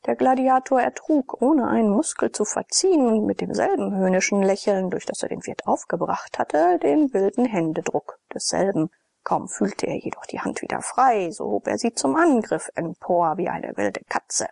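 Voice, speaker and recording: A woman narrating a classic novel as an audiobook, reading in a dramatic, expressive way. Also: medium pitch, moderate pace, vocal fry, no room sound, clean studio sound.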